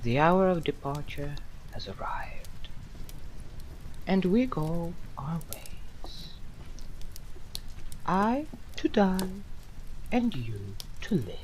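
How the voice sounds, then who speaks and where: A mercurial time-travelling villain acted by a woman in an audio drama, with low pitch that leaps dramatically between hushed and loud lines. The delivery is slow, wry and theatrical. There is some noise behind the voice. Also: sing-song, heavily acted, low-quality recording. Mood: solemn, brooding. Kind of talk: fan-made audio drama acting.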